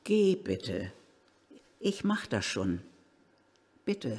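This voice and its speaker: A man reading aloud and voicing a gentle woman who pleads in a low, hushed voice, in a reverberant hall. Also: sing-song, very slow, slightly rough, heavily acted. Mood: pleading.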